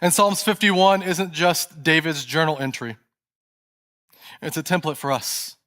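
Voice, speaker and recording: A male pastor preaching a sermon in a church, telling a story and dropping to a soft, hushed voice at tense moments. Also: fairly high pitch, a little slow.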